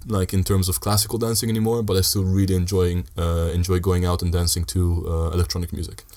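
Casual conversation from a young man guesting on a podcast: his deep, very low voice holds a flat intonation while his phrasing is measured and halting.

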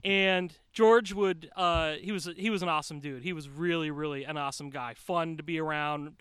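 Recorded outdoors in a shaded backyard, an American wrestler and manager tells informal anecdotes as a podcast guest, joking and using repetition for emphasis. His voice is a little high and a bit bright, smooth at a moderate pace, with clean studio sound and no room sound.

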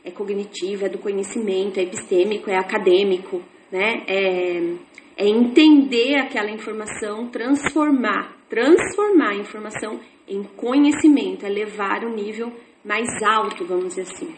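A woman's voice: mid-range voice, normal speed. A woman teaching an informal online class, explaining with repetitive, chatty everyday examples. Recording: echoey room with faint noise.

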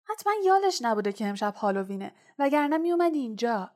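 A woman's voice: a little high, very animated, darkish tone. A woman reading a storybook voices a teenage schoolboy speaking in an offhand, casual way.

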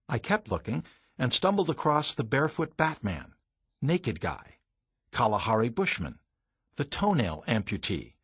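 Guy reading an audiobook, dramatic storyteller, pitch all over the place, dry close sound. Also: fairly bright tone, slightly rough, no room sound. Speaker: audiobook narrator. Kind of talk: first-person audiobook narration.

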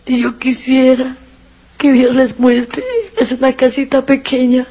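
Breathy woman giving an emotional testimony. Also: sits high, little pitch movement, measured pace. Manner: earnest and emotional, sometimes near tears. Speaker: person giving a religious testimony. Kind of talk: personal testimony. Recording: dull lo-fi recording.

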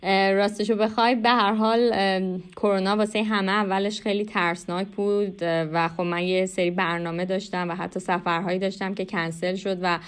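A young adult woman from Iran with an Iranian Persian accent, giving conversational interview answers in a hesitant, reflective way with drawn-out pauses. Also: mid-range voice, flat delivery, clean tone. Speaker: interview guest, animation artist.

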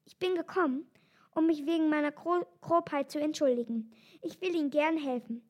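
A woman's voice: sits high, fairly quick, darkish tone, lightly acted. A woman reading aloud and voicing a proud male lion who has become ashamed and speaks hesitantly. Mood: shy.

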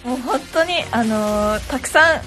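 A young woman from Kansai is a guest on a radio show, sounding polite and easily embarrassed. Her voice is high and lively in its pitch. Music plays clearly behind her. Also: normal speed. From Kansai, Japan. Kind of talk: radio chat. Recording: studio broadcast with music underneath.

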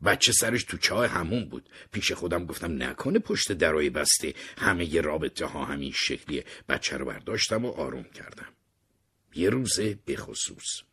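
A man tells a story in the first person with a very husky, breathy voice. His low voice rises and falls with lively, dramatic expression. The delivery has the feel of an expressive retelling. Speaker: narrator.

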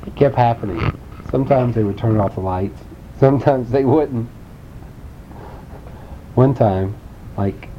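A man telling a playful made-up bedtime story, adding sound effects and asking the listener questions. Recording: dull lo-fi home recording with faint rumble.

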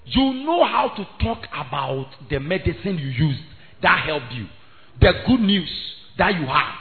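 A man's voice: fairly high pitch, sing-song, measured pace, vocal fry. A man with a Ghanaian accent preaching an impassioned evangelistic sermon, emphatic and repetitive, switching between English, Twi and Ghanaian pidgin. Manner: emphatic, repetitive, rising to shouts. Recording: thin phone-like sound, faint music.

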